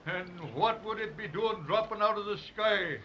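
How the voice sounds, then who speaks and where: A man's voice: high voice, normal speed, close to an everyday voice. An actor playing a round, stubborn, self-important policeman with a brogue, in a 1930s radio drama. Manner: blunt, drawling, self-important. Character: round stubborn roly-poly policeman, male. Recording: dull lo-fi old radio recording.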